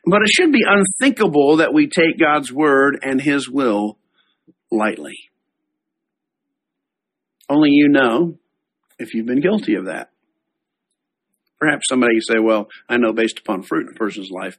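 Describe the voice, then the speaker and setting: A middle-aged man, a pastor, preaching a sermon, reading scripture slowly and then explaining it in a conversational way. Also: mid-range voice, fairly bright tone, breathy edge, rough recording.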